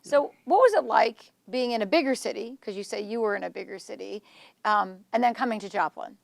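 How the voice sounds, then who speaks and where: A woman's voice: medium pitch, lively intonation, a little fast, creaky, no echo. A woman hosting a radio interview, asking questions in an encouraging way. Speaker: host.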